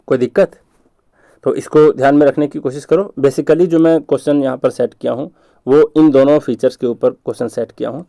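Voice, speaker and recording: Male exam coach: mellow, gravelly tone, asks the class and answers himself, low asides with sudden emphatic rises. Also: no echo, studio quality. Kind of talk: exam-prep lecture with memory tricks.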